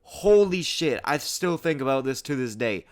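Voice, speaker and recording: A man telling a travel horror story in a storytime narration, profane and animated, getting louder and higher at the scary parts. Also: moderate pace. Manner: profane, animated storytelling that climbs loud and high at tense moments. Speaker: storytime YouTuber.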